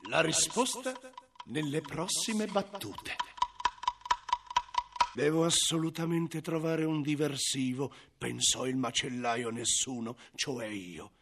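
A man's voice: on the high side, slow, vocal fry, noisy background. A man narrating a 1970s radio comedy as a crafty butcher, theatrical and ironic. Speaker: narrator and first-person butcher.

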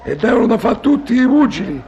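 An actor playing a dim, sentimental retired male boxer in a comedy sketch, speaking haltingly in Roman Italian dialect. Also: extremely high pitch, sing-song, dark tone, muffled recording, a faint crowd. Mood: earnest, confused. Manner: slow-witted, halting, repetitive, easily confused. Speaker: comic character. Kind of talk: comic sketch dialogue.

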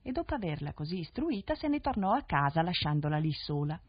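A woman storyteller narrates a fairy tale in an expressive, lilting voice that is slightly low, with lively pitch, a husky grain and a fairly quick pace. It comes from a 1970s radio broadcast, and the recording sounds dull and dry.

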